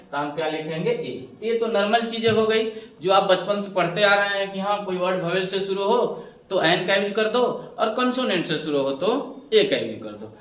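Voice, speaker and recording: A man's voice: high-pitched, a bit bright. A man teaching an English grammar lesson step by step, asking questions and answering them himself, calling his students "babu". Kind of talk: classroom lesson explanation. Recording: echoey room, voice from a distance.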